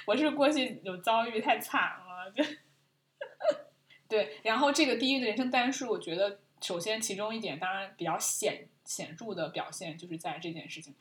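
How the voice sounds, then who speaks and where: A woman co-hosting a podcast, retelling a film scene in casual chat, with lots of laughter and restarts. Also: lowish voice. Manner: animated storytelling, frequent laughter, many restarts. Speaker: podcast co-host.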